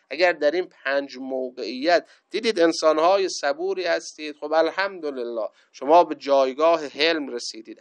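A man's voice: fairly high pitch, fairly bright tone, clear, resonant tone. Resonant-voiced male preacher. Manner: recites Arabic sayings slowly, then explains them in lists. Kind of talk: religious lecture.

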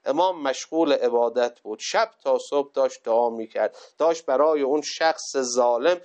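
A man's voice: mid-range voice, a little mellow. A man preaching a sermon, telling a religious story and exhorting listeners with rising passion.

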